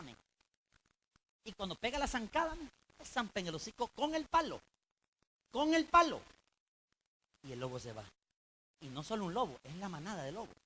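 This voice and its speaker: A male pastor preaching a colloquial sermon in church, swinging between loud emphasis and low intense tones and addressing the congregation directly. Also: a little hiss or hum.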